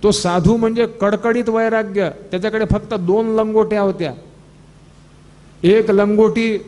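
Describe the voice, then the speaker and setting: A man with a Marathi accent gives a devotional discourse with a bright, high voice. He tells an old parable, acting out each character's lines in lively quoted dialogue. His words ring with the long echo of a large hall. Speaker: scripture discourse speaker.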